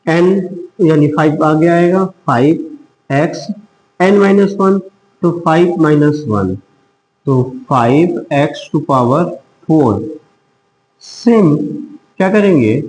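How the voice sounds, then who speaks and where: Man, math tutor, slow deliberate delivery, roomy echo. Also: on the high side, a little mellow, slight background noise. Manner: slow, step-by-step explaining with rhetorical questions. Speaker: math teacher. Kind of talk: blackboard math lesson.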